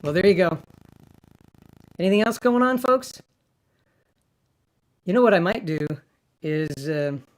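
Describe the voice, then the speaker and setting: A man hosting a casual livestream, his voice pitched up and sped up by a sample rate mismatch on his mic rig, rambling and amused at himself. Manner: rambling, self-amused, thinking aloud. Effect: pitched-up chipmunk sound from a sample rate mismatch. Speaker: livestream host. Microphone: streaming mic rig.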